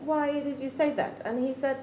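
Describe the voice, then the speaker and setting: A high-pitched, dark-toned female voice speaks at a moderate pace with a steady tone. The speaker, a middle-aged Czech native from the Czech Republic with a Czech accent, shares an earnest, reflective parental testimony and searches for her words. Faint noise and echo fill the room.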